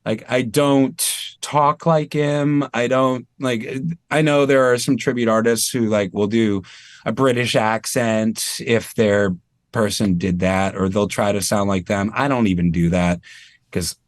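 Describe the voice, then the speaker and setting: Speaking a little slowly in a fairly low voice, this man from Maine is a tribute performer appearing as a guest on a video-call interview. He's chatty, animated and pokes fun at himself, and there's no room sound.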